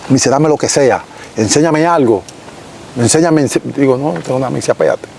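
A young Dominican man with a Dominican Spanish accent, telling his story as an interview guest in an animated, casual way, recorded outdoors on a lapel mic. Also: medium pitch, brisk, slight background noise, low-quality recording. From Dominican Republic. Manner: animated, gesturing, frequent self-corrections. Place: outdoors in a rural yard.

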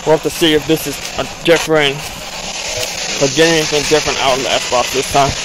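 A man's voice: a little high, steady tone, fairly quick. Rambling young man exploring outdoors. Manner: rambling, many fillers like "um" and "like". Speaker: paranormal explorer vlogger. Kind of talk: casual walking vlog narration. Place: outdoors in woods and abandoned buildings. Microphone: action camera held or worn close. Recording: loud background noise from a device. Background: constant static hiss from a spirit box.

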